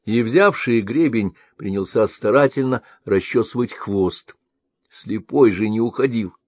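A man narrating an audiobook in a low voice, measured and steady. The recording is close and dry, with no room sound. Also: no room sound.

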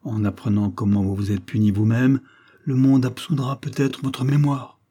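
A man's voice: mid-range voice, flat delivery, moderate pace, mellow, slightly rough, close to an everyday voice. A man voicing a cold, stern old magistrate. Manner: grave, formal. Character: stern older male magistrate, cold and formal.

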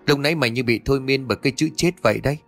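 A man's voice: mid-range voice, racing, a bit bright, soft background music, lightly acted. A man reading the part of an anxious teenage schoolgirl in an audio story, talking hurriedly in a raised voice. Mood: worried.

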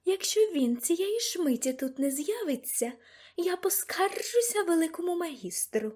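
A woman reading an audiobook voices a temperamental older female seamstress who talks shrilly and loudly, with sharp outbursts. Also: very high-pitched, sing-song, normal speed, pitched above the performer's own voice. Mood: furious.

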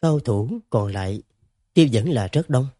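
A man narrating a fantasy story in an expressive, dramatic reading. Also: mid-range voice, normal speed, no room sound, studio quality. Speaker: audiobook narrator.

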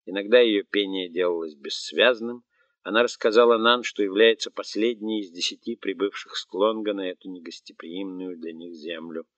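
A man narrating an audiobook in a steady, even reading. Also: low voice, moderate pace, dry recording. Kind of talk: scripted narration. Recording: dry, dull, muffled recording.

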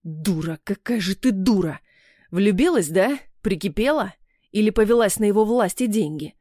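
Woman reading a menacing young man, snarls and sneers, mellow dry voice, audiobook. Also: mid-range voice, animated, normal speed, no echo, natural voice. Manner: snarling, mocking. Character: menacing young male ex-fiancé, angry and bitter. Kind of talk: audiobook character voice.

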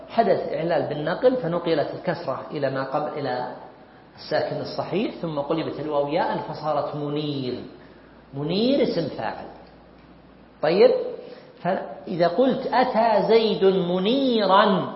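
High-voiced man teaching grammar in an echoing hall. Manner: explains step by step, asking and answering his own questions. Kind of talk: classroom lecture on grammar. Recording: dull, echoey recording from a long-reverb hall.

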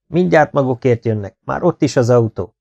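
A man's voice: medium pitch, lively intonation, creaky, dark tone, voice pushed up. A male audiobook reader voicing a terse, secretive space-station officer with clipped, matter-of-fact lines.

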